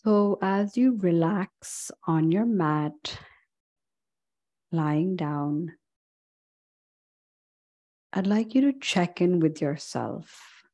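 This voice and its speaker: A woman yoga instructor with a lowish voice guides a meditation. She speaks calmly and gently, never hurrying, and leaves long pauses.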